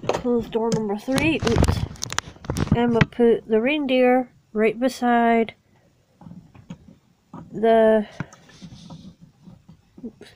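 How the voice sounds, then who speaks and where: A woman with a sniffly cold, calmly narrating each step of building a small toy set in a casual vlog. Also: on the high side, very slow, pauses often, slight background noise, rough recording. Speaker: toy vlogger. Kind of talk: casual unboxing and building walkthrough.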